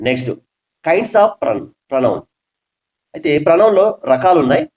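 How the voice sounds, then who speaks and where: A man with a Telugu accent teaching English grammar. He reads each English example slowly, then asks the audience a question and answers it himself. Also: on the high side, sing-song, darkish tone. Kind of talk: classroom-style grammar lesson.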